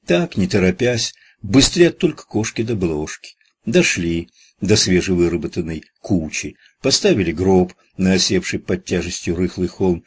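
Deep husky guy reading an audiobook, steady and plain. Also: normal speed. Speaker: audiobook narrator. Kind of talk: scripted narration.

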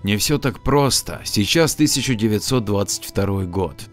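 A man's voice: lowish voice, lively intonation, moderate pace, soft background music, natural voice. A man voicing a blunt, determined young officer who speaks plainly. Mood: thoughtful.

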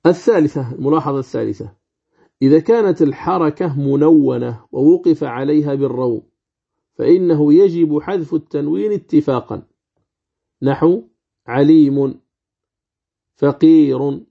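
A man teaching the rules of Quran recitation, asking and answering his own questions and slowly demonstrating words. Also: a little high, gravelly, husky, lo-fi sound. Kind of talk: religious lesson commentary.

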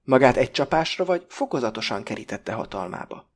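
A man with a husky voice reading an earnest, mannered young man who asks careful questions. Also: medium pitch, animated, close to an everyday voice. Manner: serious, gently probing, then irritated.

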